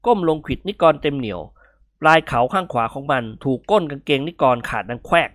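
Guy reading a funny story, bouncy voice, pitch all over, dry close sound. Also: a little fast, no echo. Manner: lively, expressive. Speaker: narrator.

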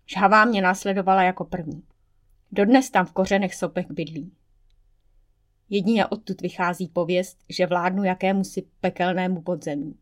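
Woman narrator, scripted audiobook reading, wry and expressive storytelling. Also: on the low side. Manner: first-person male narrator voice, wry, expressive.

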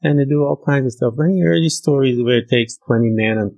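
Husky, emphatic male preacher. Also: medium pitch, brisk, a little mellow, no echo, muffled recording. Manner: emphatic, conversational preaching with rising bursts. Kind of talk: sermon.

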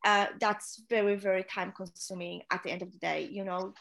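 A non-native English speaker from Poland, this chief stewardess appears as an interview guest giving earnest, direct advice about careers, peppered with filler sounds. Her Polish-accented voice is mid-range and fairly bright, steady in tone, with some vocal fry, at a normal speed.

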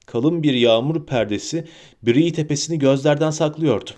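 A man narrating a fantasy novel at an unhurried, deliberate pace. His voice sits somewhat high for a man and carries the scene steadily from line to line. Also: a little mellow. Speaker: audiobook reader. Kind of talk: scripted narration.

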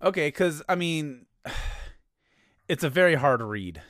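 Halting male podcast host, dry sound. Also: on the high side, lively intonation, fairly bright tone, no room sound. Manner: hesitant, halting, laughs easily. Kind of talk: casual podcast chat.

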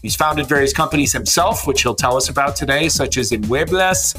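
A man's voice: medium pitch, lively intonation, a little fast, sharp tone, soft background music. A man hosting a podcast, chatting casually in an upbeat, teasing way and reading out a guest's biography. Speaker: podcast host.

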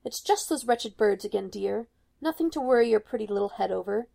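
Voicing a controlling mother who talks down to others, a middle-aged woman sounds sweetly scolding, condescending and falsely sweet. She speaks in a warm, expressive mid-range voice at a brisk clip, with vocal fry.

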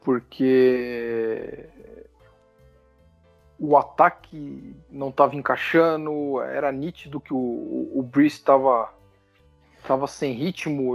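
A man's voice: medium pitch, creaky. Hesitant Brazilian podcast co-host man. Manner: hesitant, restarts often. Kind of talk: casual podcast chat.

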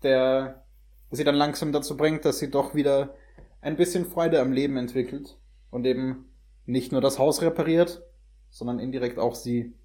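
In a casual, conversational film review, a young adult male host talks at normal speed in a steady, warm, medium-pitched voice. He often hunts for words, and his halting phrasing is mixed with English slang.

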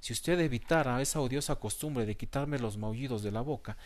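A man's voice: medium pitch, a little fast, natural voice. A man voicing a pompous male cat who trips over long words and grumbles at being interrupted. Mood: huffy.

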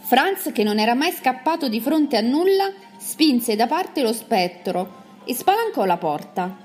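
A woman with a fairly high voice reads a children's story aloud. She narrates in an expressive, dramatic way, building suspense. Soft music sits faintly in the background. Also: measured pace.

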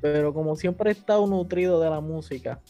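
A man's voice: fairly high pitch, a little fast, warm tone, lo-fi sound, faint music behind. A man with a Puerto Rican accent, chatting casually as a podcast guest, full of slang and dropping English words in as he tells his story. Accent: Puerto Rican Spanish. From Puerto Rico. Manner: slangy, mixes English words in, acts out quotes. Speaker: podcast guest, platform founder. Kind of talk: casual interview chat.

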